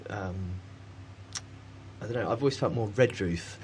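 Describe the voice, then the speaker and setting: Low-voiced man, rambling. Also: normal speed, darkish tone, a little hiss or hum. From Cornwall, England. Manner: rambling and hesitant, many fillers, laughs often. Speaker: artist guest. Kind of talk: casual conversation.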